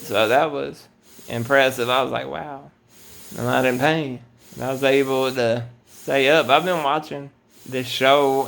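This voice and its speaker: A man's voice: medium pitch, creaky, fairly bright tone. A man talking in a casual, rambling late-night monologue to his viewers, laid-back and often saying "man". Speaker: vlogger. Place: at home at night.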